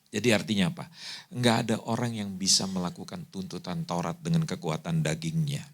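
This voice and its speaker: A male pastor preaching a sermon, telling lively stories and acting out the people in them. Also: low voice, fairly quick. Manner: animated storytelling preacher, acts out quoted voices. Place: church hall.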